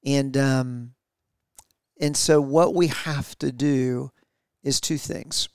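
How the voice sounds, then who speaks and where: A middle-aged man with a medium-pitched, steady, smooth voice takes his time as he co-hosts a podcast with his wife. Their casual, reflective conversation is packed with fillers and restarts, and the studio-quality audio has no echo.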